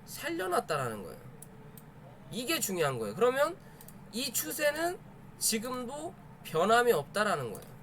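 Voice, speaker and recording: The host of a stock chart study stream explains charts in a casual live lesson, speaking emphatically, repeating himself, and posing rhetorical questions to check that viewers follow. His pitch is extremely high and swings hugely, at a moderate pace with a slightly bright tone. A faint hiss or hum is present.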